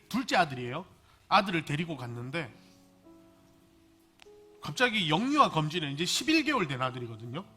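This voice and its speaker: A male pastor in his thirties preaching a sermon to young adults, moving between loud, pleading climaxes and quiet, personal storytelling. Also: high voice, slightly rough.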